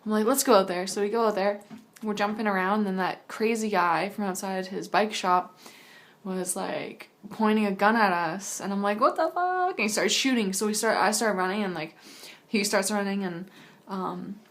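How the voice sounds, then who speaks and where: A woman in her early twenties casually recounts a dream in a hazy, halting, rambling way, with loose slangy phrasing. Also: mid-range voice, fairly even intonation. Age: early 20s. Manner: acts out quoted exchanges in casual slangy speech.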